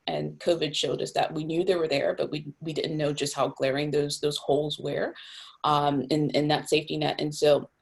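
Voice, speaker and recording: Low gravelly woman on a video call. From Cameroon. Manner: thoughtful, many fillers and restarts. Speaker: executive director of a housing nonprofit.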